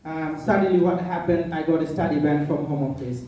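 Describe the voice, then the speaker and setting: A man's voice: fairly high pitch, a little fast, dark tone. Bangladeshi man speaking in an echoey conference room. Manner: earnest, non-native phrasing, playful asides. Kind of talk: public speech. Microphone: far from the mic. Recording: echoey room, mic far off.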